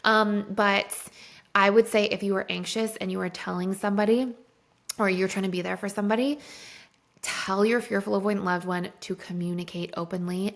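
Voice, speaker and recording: A woman's voice: mid-range voice, normal speed, creaky, fairly bright tone. A woman guest on a podcast, candidly telling a personal story in casual conversation and often saying "like". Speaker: guest, personal development expert.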